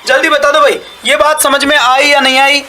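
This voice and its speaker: A man's voice: extremely high pitch, little pitch movement, moderate pace, sharp tone. A male teacher giving a live online class. He repeats each point, asks questions and answers them himself, and praises his students often. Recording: echoey room, mic at a distance.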